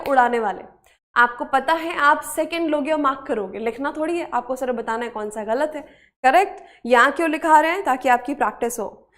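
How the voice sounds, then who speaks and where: Female spelling teacher, Indian accent, high pitched, brisk and encouraging with her class. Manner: brisk, praising, urging students to hurry. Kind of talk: live online class, quizzing students.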